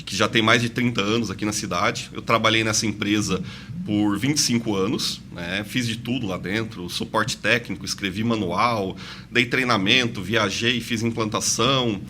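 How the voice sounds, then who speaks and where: A 46-year-old man from the interior of São Paulo state, an investment advisor, tells his personal story as a guest in a conversational podcast interview. His accent blends São Paulo and Santa Catarina Brazilian, and his fairly low voice sounds bright and forceful. There's slight background noise.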